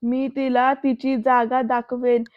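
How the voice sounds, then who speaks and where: Lady doing a teary wife, high and fussing, kinda dull lo-fi sound. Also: little pitch movement, slow, dry recording. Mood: tearful vengeful. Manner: pleading, fussing, vows revenge. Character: worried devoted young wife, tearful and fierce.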